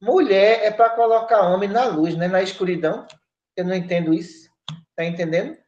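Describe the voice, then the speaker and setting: A woman's voice: medium pitch, a little fast, darkish tone. Scolding woman. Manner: scolding, emphatic, frequent tag questions. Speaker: spiritual counselor. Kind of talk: spiritist study podcast talk. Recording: roomy, dull lo-fi sound.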